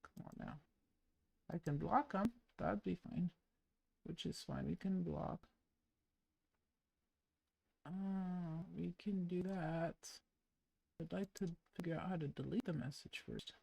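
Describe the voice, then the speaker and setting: A woman talking herself through her code on a live stream, in an unhurried drawl with a gravelly, creaky edge. She mutters each step as she types and drops wry, casual asides. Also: fairly low pitch, mellow. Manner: slow, muttering, self-narrating while typing code. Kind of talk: thinking-aloud coding stream.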